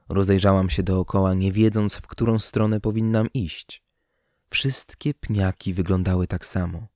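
A man narrating an audiobook story in a calm, measured way. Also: fairly low pitch, no echo, studio quality.

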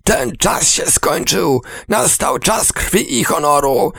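A man voicing a zealous male soldier who shouts a pompous recruiting call in a storybook reading. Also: fairly high pitch, animated, takes it slowly, gravelly, breathy edge, no room sound, voice pushed up, exaggerated voice. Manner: shouting a war cry, pompous.

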